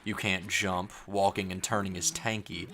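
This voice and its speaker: A man in his thirties narrating a scripted video essay as a game reviewer, articulate and measured in his critique. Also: low-pitched, flat delivery, sharp tone, slight background noise.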